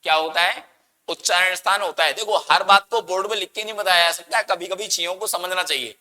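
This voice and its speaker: A man's voice: high voice, fairly quick, sharp tone, in a large hall. A man teaching a grammar lesson, asking the class questions and answering them himself, and coaxing students to say sounds aloud.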